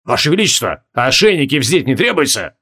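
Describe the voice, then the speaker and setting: A man voicing a hoarse, zealous guard captain baron who blames himself. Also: mid-range voice, big pitch swings, fast talker, sharp tone, exaggerated voice. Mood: suspicious. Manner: zealous, self-reproaching.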